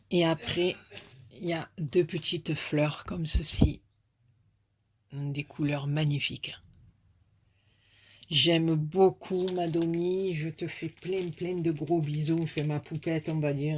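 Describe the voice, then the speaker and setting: Low-pitched with a breathy edge, she speaks in a southern French accent. Opening her crafting followers' mail on camera, the YouTuber chats to her audience warmly and casually.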